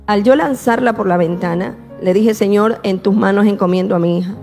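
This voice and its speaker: Gravelly-voiced woman giving a testimony. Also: medium pitch, darkish tone, in a large hall, faint music behind. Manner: slow, repeating herself, quoting prayers. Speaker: guest telling her testimony. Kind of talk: emotional personal testimony.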